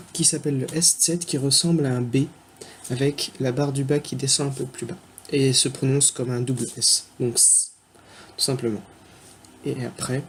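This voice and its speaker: Man giving a hesitant language lesson. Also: medium pitch. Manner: spells letters and words aloud slowly, with frequent hesitations. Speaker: language teacher. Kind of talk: unscripted video lesson. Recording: faint background noise.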